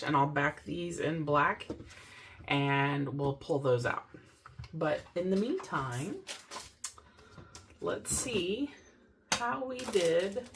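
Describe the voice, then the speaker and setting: Excitable woman hosting a craft vlog. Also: low-pitched, slightly rough. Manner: gushing, excitable, talks to viewers. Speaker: crafting channel host. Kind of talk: casual DIY tutorial vlog.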